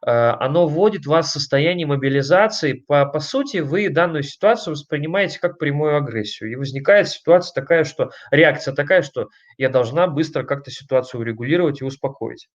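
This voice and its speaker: A man giving an online lecture on family communication, talking emphatically and conversationally, putting questions to his listeners and pausing on fillers between points. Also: fairly high pitch, lively intonation, lo-fi sound. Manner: emphatic, conversational, addresses listeners directly with frequent rhetorical questions.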